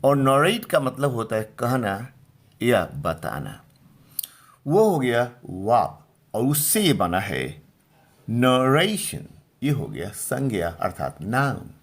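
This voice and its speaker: Male teacher from India, middle-aged, slow and deliberate, husky tone, lively pitch, patient explanations. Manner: slow, patient, repeats words and asks if clear. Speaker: English teacher. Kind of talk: Hindi-language pronunciation lesson.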